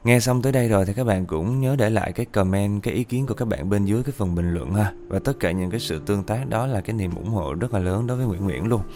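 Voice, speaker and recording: A man telling a ghost story in a chatty, animated way, often speaking to his listeners. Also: on the low side, quick pace, few pauses. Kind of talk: casual ghost-story narration.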